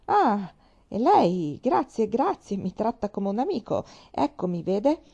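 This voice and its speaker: A woman's voice: medium pitch, very animated, a little slow, warm tone, husky, muffled recording, exaggerated voice. A woman voicing a hearty, frank old navy admiral who chats on cheerfully in a storybook reading. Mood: jovial. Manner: bluff, chatty and frank.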